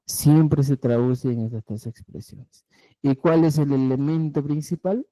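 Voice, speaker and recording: A language teacher giving a class, repeating example phrases slowly and checking understanding with frequent "¿ya?". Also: medium pitch, dark tone. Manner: spells out example phrases syllable by syllable. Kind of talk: online class lecture.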